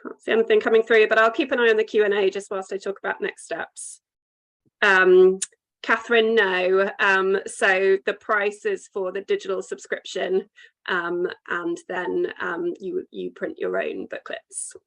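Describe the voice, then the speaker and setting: A woman's voice: medium pitch, unhurried, a bit bright. A woman with a British accent presenting on an online call in a polite, businesslike conference-call manner. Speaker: webinar presenter. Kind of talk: online sales presentation with questions.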